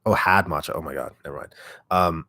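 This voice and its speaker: A man with a deep, raspy voice chatting casually on a livestream, relaxed and rambling, speaking very close to the microphone. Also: brisk, no echo. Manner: relaxed, rambling, heavy use of "like". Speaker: ASMR content creator on a livestream. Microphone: microphone held very close.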